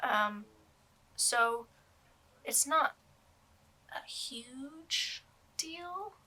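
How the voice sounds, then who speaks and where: A woman's voice: high-pitched, lively intonation, extremely slow, pushed and bright, slightly rough. A young woman doll collector talking casually to camera, rambling with many ums and restarts. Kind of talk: casual vlog review.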